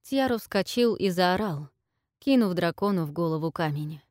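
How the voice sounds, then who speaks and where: A woman reading a fantasy novel aloud as narrator, in a measured, even storytelling manner. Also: on the low side, no echo, clean studio sound. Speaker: audiobook narrator.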